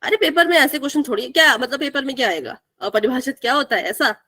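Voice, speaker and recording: Bright high-voiced woman teaching math. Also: fast talker. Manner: asks the class questions and repeats key answers. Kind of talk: live online math class.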